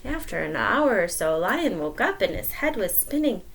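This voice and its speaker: Reading a storybook aloud to children, a woman explains things as she goes and repeats words for emphasis. Her mid-range voice is gravelly and sing-song, moving at a normal speed in an expressive read-aloud.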